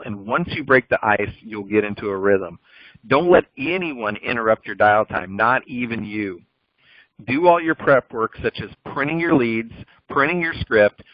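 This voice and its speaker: A man's voice: lowish voice, dry recording. A man giving a recorded sales training talk over slides, coaching in a direct, instructive way. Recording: dull lo-fi dry audio.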